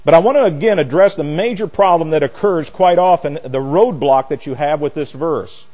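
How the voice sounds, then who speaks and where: A pastor leads a Bible lesson in expository sermon style, his voice on the high side with a dark tone at normal speed. His manner is folksy and plain-spoken, emphatic and strongly opinionated.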